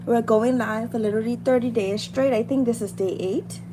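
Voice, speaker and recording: Speaking briskly in a fairly high, steady voice, a woman with a Bahamian accent chats as she does her makeup for her livestream. The beauty and hair creator's informal, uplifting girl talk repeats phrases for emphasis, all against loud background noise.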